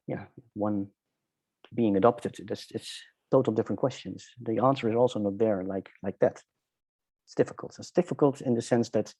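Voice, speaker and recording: A middle-aged Dutchman with a Dutch accent, appearing as an interview guest, tells his personal story in a reflective, halting way, searching for words. His voice is fairly low and warm, and the recording is dry.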